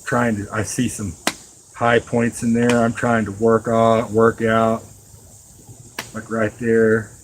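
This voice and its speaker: Working with his hands on a live stream, a middle-aged knife maker chats casually and folksily, wandering from topic to topic as he addresses viewers directly. He speaks slowly in a fairly low monotone over a noisy background.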